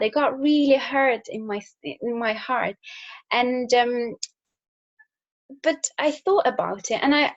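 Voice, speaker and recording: A young Italian engineer with an Italian accent gives a recorded, casual talk to school pupils, full of fillers and restarts. Her voice is high-pitched and the sound is lo-fi.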